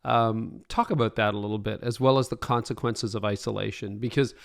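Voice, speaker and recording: Gravelly-voiced man hosting a podcast. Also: lowish voice, fairly even intonation, a little fast. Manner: casual, friendly questioning, light laughter. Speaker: podcast host.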